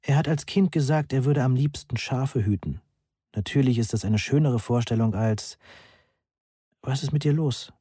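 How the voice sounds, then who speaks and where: A man's voice: mid-range voice, normal speed, dark tone, husky, no room sound, clean studio sound, natural voice. A man voicing a blunt, teasing young woman in an audiobook, raising his voice for her. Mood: brusque. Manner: brusque, teasing. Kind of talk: audiobook dialogue.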